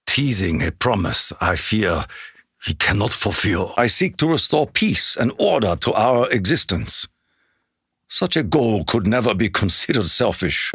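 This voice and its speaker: For a video game, an honor-bound, spiritual Japanese warrior makes solemn, formal declarations in an exaggerated, Japanese-accented voice. It's rough and gravelly with animated pitch swings, recorded close and dry.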